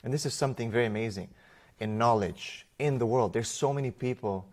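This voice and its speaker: A man who grew up in Romania, a guest in an interview, telling his personal faith story in an animated way with fillers and restarts. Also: medium pitch, a little fast. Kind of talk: conversational personal testimony.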